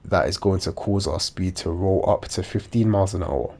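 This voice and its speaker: Male game commentator, low-pitched, stuffed-up nasal delivery, dopey edge, explains procedures step by step. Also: normal speed, gravelly, dark tone. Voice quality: nasal, blocked-nose congested sound. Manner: dopey-sounding, matter-of-fact explaining. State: congested with a blocked nose. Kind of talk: measured instructional gameplay commentary.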